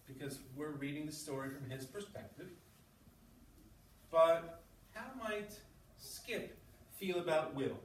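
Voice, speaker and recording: A man's slightly high, fairly bright voice leads a sixth-grade English class through a read-aloud, with commentary and frequent short questions for the pupils. Because the mic is some way off, the audio is roomy and has background noise.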